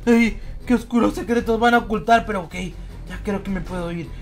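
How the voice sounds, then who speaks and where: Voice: mid-range voice, a little fast, loud music behind the voice. A gamer improvising a comic roleplay, muttering asides and exclaiming dramatically.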